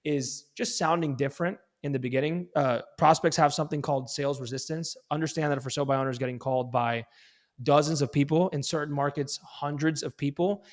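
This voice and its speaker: Male realtor guest, quick and emphatic, restarts words, raised pitch. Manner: emphatic, repeats words at the start of phrases. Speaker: real estate agent, podcast guest. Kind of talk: fast sales-coaching talk.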